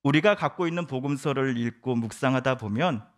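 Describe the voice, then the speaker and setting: A middle-aged man preaching a Sunday sermon, who reads scripture slowly and then tells stories, putting on voices for the people in them. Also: mid-range voice. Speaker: pastor.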